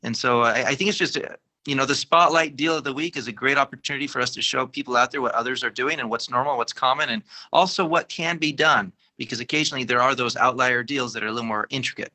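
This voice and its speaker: A man from a tax deferral firm explaining in a measured, casual way, with many fillers and restarts. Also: medium pitch, bright, forceful tone.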